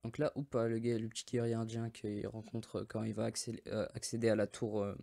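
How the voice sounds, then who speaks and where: A man's voice: fairly low pitch, little pitch movement, fairly quick, gravelly, mellow. A French man casually presenting mobile game characters, rambling with many hesitations and often forgetting names. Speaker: mobile game video host.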